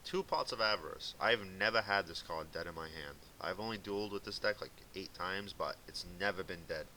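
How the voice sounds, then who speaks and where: Over his gameplay, a young gaming video commentator from Massachusetts, speaking with a light Boston accent, rambles casually with plenty of fillers. His low voice has a bright, forceful edge and moves a little fast. Recorded at home, the audio is poor with a faint hiss beneath.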